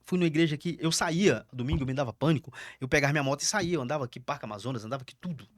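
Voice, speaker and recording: A middle-aged man with a Brazilian Portuguese accent tells a gripping personal testimony in a rapid, slightly raised voice. He dramatizes every exchange, repeating words as he goes, and the sound is dry and close. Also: fairly high pitch, no room sound. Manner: dramatic storyteller, repeats words, acts out dialogue. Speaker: pastor, podcast guest.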